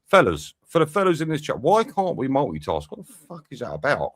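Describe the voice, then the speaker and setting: A man's voice: medium pitch, huge pitch swings, a little fast, no room sound. A young man doing a live match watch-along, swearing freely and bantering with his chat between bits of play commentary.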